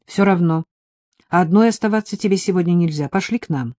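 A woman voicing a brisk, bossy young woman who talks bluntly and sardonically, in a mellow, dry-sounding audiobook read. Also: fairly low pitch, no room sound, natural voice.

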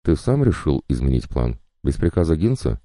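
A man voicing a stern female vice-admiral who speaks quietly but with steel. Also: a bass voice, sing-song, moderate pace, no echo, studio quality. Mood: cold, accusing.

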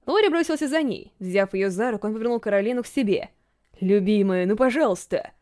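Brief: woman audiobook narrator, higher voice, very lively pitch. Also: fast talker. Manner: expressive storytelling.

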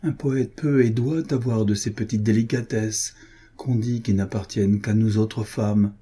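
A man's voice: lowish voice, fairly even intonation, unhurried, warm tone, slightly rough. A man reading the part of a devout, tender young duchess, in a plaintive inward monologue from a storybook. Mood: sorrowful.

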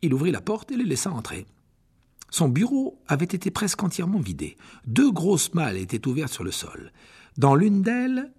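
A man narrating an audiobook with a husky voice. His delivery is expressive, rising and falling widely in pitch as he tells the story.

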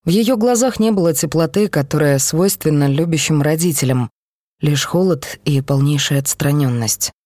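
Woman reading with a dark, mellow voice. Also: deep voice, normal speed, no echo, studio quality. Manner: expressive, voices the characters. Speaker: audiobook reader. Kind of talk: scripted first-person narration.

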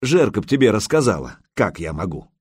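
A man playing a young warrior prince who speaks in a gruff, curt and mocking way. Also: on the low side, very animated, brisk, darkish tone, dry recording, clean studio sound.

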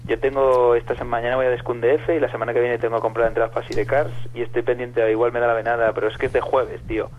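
A man's voice: mid-range voice, flat delivery, racing, hardly any pauses. A man from Madrid calling in to a radio show, telling stories in slangy, casual chat with casual swearing, heard over a dull phone line. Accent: Madrid Spanish. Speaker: caller.

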